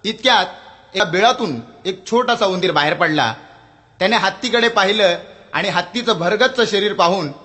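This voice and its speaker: A male comedian narrating his jokes briskly in a high, bright, forward voice. The sound rings with a hall reverb. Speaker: stand-up comedian and mimic. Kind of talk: stand-up comedy storytelling.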